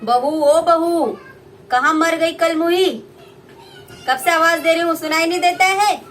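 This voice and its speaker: A young woman voicing a harsh, greedy older mother-in-law in a puppet play, shrill and scolding. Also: fairly even intonation, moderate pace, a bit bright, slight background noise.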